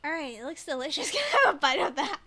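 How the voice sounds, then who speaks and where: A giggly, rambling woman with a high, very animated voice talks fast in a sharp tone while casually commenting on a game she's streaming. A native Mandarin speaker who moved to the United States very young, she has an American accent with a very slight foreign tinge.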